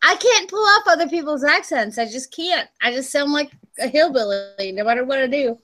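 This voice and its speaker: A woman's voice: sits high, lively intonation, normal speed, a bit bright. A woman from Virginia with a Southern US drawl, chatting casually as a podcast regular. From Virginia, USA. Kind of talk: casual chat.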